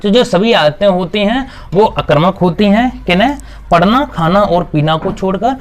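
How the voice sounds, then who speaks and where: A man with a high voice explains grammar in a video lesson. He keeps asking his students a question and then answering it himself. Between points he drops in a quick "okay" to check they are following. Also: lively intonation. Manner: repetitive, asks and answers his own questions. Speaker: Hindi grammar teacher. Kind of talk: classroom-style video lesson.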